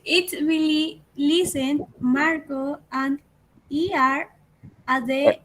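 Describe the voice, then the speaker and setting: A woman student reading English aloud in an online class, haltingly and word by word. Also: high-pitched, steady tone, fairly bright tone, low-quality recording.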